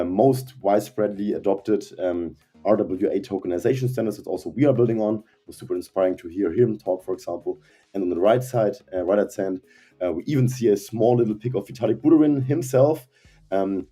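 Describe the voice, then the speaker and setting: A man's voice: lowish voice, mellow, husky. A man presenting a community update as CTO, talking enthusiastically about a conference. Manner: enthusiastic, keeps saying super.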